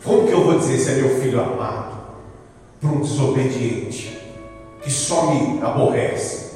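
A man preaching a sermon, emphatic and animated, firing off rhetorical questions and acting out little exchanges. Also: medium pitch, measured pace. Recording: echoey hall, voice from far off, faint music.

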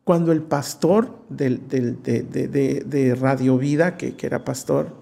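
A man's voice: medium pitch, a little slow, vocal fry. A man, a preacher telling a personal testimony in an interview, acting out the voices he quotes. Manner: lively storyteller who acts out quoted voices. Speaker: preacher, guest.

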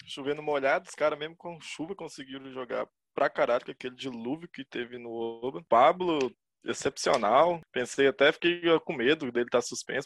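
A man's voice: medium pitch, vocal fry, fairly bright tone, no echo. A Brazilian man chatting casually as a football panelist, slangy and free with swearing. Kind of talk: casual chat, match analysis.

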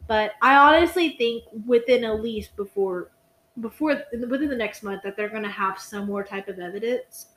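A woman's voice: on the high side, normal speed, fairly bright tone, poor audio. A tired young woman co-hosting a casual true-crime podcast, rambling, swearing and restarting her sentences. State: tired, yawning. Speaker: podcast co-host.

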